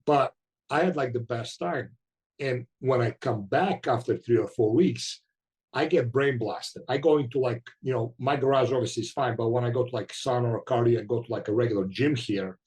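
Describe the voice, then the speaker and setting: A man born in Bulgaria who grew up in the United States, hosting a casual interview and talking in animated bursts. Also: medium pitch, moderate pace. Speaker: host.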